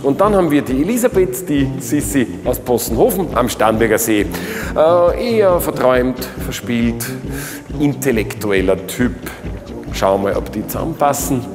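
A man's voice: medium pitch, animated, moderate pace. A man hosting a travel documentary, teasing and theatrical as he presents and narrates. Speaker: documentary host. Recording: background music.

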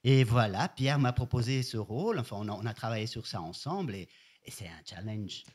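A male actor sits as a guest on a talk show and chats easily in a middle pitch. He explains his work in a friendly way with little fillers. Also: lively intonation, brisk, darkish tone, husky. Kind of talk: casual interview chat.

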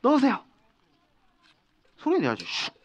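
A man's voice: extremely high pitch, measured pace. A young man hosting an outdoor magic show like a kids' party magician, coaxing children with simple instructions over a headset mic, with music behind. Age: young adult. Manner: animated, coaxing, often calling out loudly to the crowd. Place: outdoor park performance before seated children.

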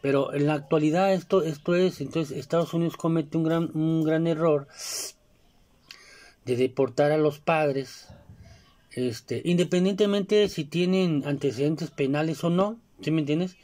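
A mellow, higher-pitched man with a Mexican Spanish accent speaks at a measured pace. As a commentator, he drifts through a casual, rambling monologue stuffed with fillers and digressions, and keeps saying "you know?"

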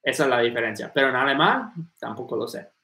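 A man's voice: medium pitch, big pitch swings, quick pace, pushed and bright. A man teaching English on a livestream, greeting viewers by name and moving between Spanish and English. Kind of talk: live Q&A, reading viewer comments. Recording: echoey room.

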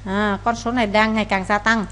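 A woman's voice: medium pitch, fairly quick. A woman, teaching as she explains answers to an English test, with many "à" fillers. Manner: frequent "à" fillers, steady explaining.

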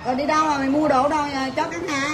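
High-voiced shop owner. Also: female voice, fairly even intonation, background noise. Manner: rapid, blunt teasing banter with staff, laughing often. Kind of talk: livestream sales chat.

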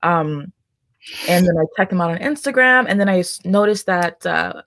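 A woman's voice: on the low side, lively intonation, normal speed, fairly bright tone, dry recording. A woman hosting a casual livestream chat, chatty and greeting viewers by name. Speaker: livestream host.

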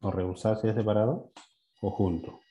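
A male teacher in a classroom who leads a lesson, asks students frequent questions and repeats words slowly. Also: on the low side, steady tone, dull audio.

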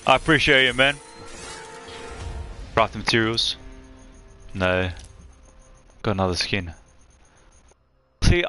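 A young man streaming live from his room on a headset mic, chatting excitedly as he opens game loot. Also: mid-range voice. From Australia.

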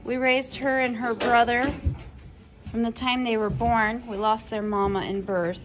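A woman's voice: a little high, little pitch movement, slight background noise. Woman, 30s, farm owner, friendly casual tour, phone-recorded. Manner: friendly, unhurried, introducing animals one by one. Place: outdoors and in a barn on a small farm. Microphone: handheld phone camera.

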